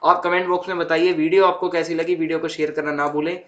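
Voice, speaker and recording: A man's voice: on the high side, flat delivery, quick pace, lo-fi sound. A young man teaching a school geography lesson, going over each point again and checking in with the students. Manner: repeats points with "thik hai" check-ins. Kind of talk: explaining a textbook chapter to students.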